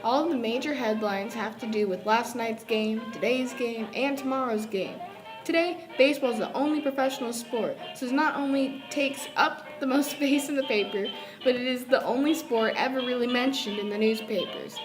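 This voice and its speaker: This young woman, a student presenter, narrates a scripted newsreel while music plays audibly in the background. She speaks at a normal speed in a fairly high voice, and the recording quality is rough.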